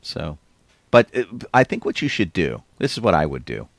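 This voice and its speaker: A man's voice: low voice, very animated, normal speed, gravelly, dry recording. A man co-hosting a podcast, chatting casually and telling rambling stories with small chuckles. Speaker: podcast co-host. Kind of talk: casual chat.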